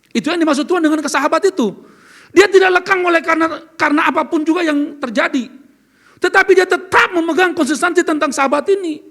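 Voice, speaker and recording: Man, very high pitch, gravelly, pastor, sermon, earnest, asks questions. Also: a bit bright. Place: church service.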